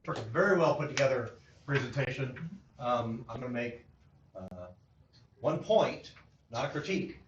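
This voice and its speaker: A man moderating a pitch event, offering friendly, halting feedback full of fillers. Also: lively intonation, a little hiss or hum. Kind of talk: audience feedback. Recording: roomy hall, distant mic, dull sound.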